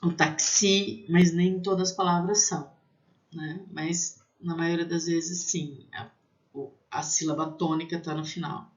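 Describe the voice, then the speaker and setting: A woman from Brazil teaching technical French to pastry students, spelling out sounds slowly and often checking in with "né?". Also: on the low side, fairly even intonation, darkish tone. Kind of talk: language lesson for pastry students. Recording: slightly dull lo-fi recording.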